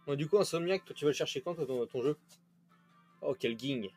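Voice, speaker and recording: A man's voice: a little high, fairly quick, a little mellow, slightly rough, soft background music. A young man casually commenting as he plays a video game on stream, loose and chatty, swearing now and then. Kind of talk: casual let's-play commentary.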